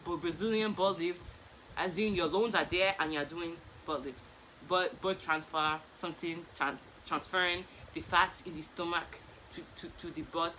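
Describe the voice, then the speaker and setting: A woman talks casually to her viewers while putting on makeup. Her voice is bright and punchy, with animated, slangy emphasis and distracted pauses. A faint layer of room noise sits behind her. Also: fairly low pitch, rough recording. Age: 20s. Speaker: vlogger. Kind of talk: casual get-ready-with-me chit chat.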